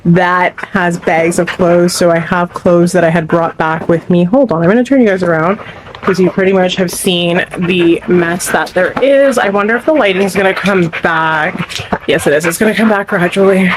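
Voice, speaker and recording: A woman vlogs from a cluttered bedroom at home, chatting loosely and ramblingly to her viewers into a handheld phone. Her voice is lowish at a normal speed, she's a bit out of breath at times, and there's background noise.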